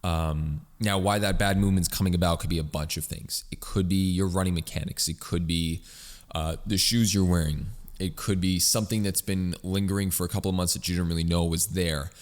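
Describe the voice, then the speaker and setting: A man's voice: sits low, fairly even intonation, a little fast, in a large hall. A man who hosts a fitness podcast and coaches runners, explaining in a casual, conversational way with frequent fillers and restarts. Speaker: running coach and podcast host.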